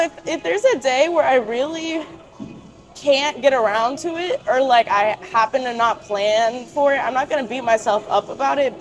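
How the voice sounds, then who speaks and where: A young woman with a fairly high voice talks in a casual interview. Her phrasing is informal and youthful, with frequent fillers as she shares her thoughts as a guest. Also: rough recording. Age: young adult.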